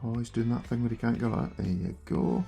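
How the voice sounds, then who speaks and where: A middle-aged man with a broad Scottish accent gives chatty, self-deprecating live commentary while gaming, reviewing a handheld console as a streamer. His medium-pitched voice is gravelly and warm, steady in tone and slightly quick. Faint music plays in the background.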